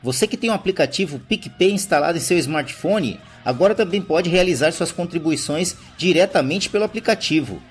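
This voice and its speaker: A man's voice: fairly high pitch, expressive, a little fast, few pauses, slightly rough, faint music behind. A man with a Brazilian accent giving informal announcements as a podcast host.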